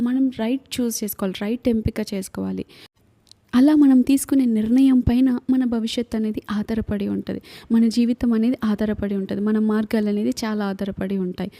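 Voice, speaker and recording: A woman's voice: a little high, warm tone. A woman with a Telugu accent, preaching an earnest sermon full of repeated lists and rhetorical questions.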